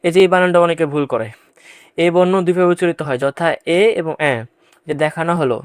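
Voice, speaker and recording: A man's voice: on the high side, quick pace, clean tone, no echo, clean studio sound. A man teaching a pronunciation lesson to students, patiently repeating each example word and stressing the points that often come up in exams. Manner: addresses students directly, stresses what is important. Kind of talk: exam-prep lesson on Bangla pronunciation.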